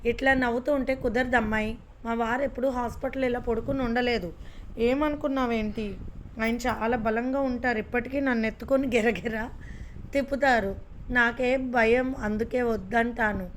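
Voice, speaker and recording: A woman's voice: on the high side, fairly even intonation, a little hiss or hum, natural voice. A woman reading the lines of a fussy, childlike middle-aged wife who complains and scolds. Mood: complaining. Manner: pouting, complaining, quick-tempered.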